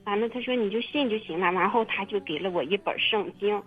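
A woman telling her own story in casual testimony, halting and repeating her words with many fillers. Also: medium pitch, soft background music. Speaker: testimony guest. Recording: muffled phone-line radio recording.

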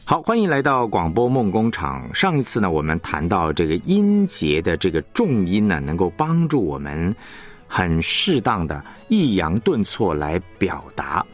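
A man teaching broadcast announcing on the radio, explaining patiently, repeating his points and reading example sentences slowly deliberate stress. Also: deep voice, very animated, faint music behind. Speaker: broadcasting instructor. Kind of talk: radio lesson on announcing technique.

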